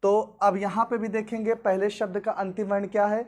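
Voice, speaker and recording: A man's voice: sits high, little pitch movement, brisk, a little mellow. A male teacher explaining grammar rules step by step, asking questions aloud and answering them himself. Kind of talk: classroom grammar lesson.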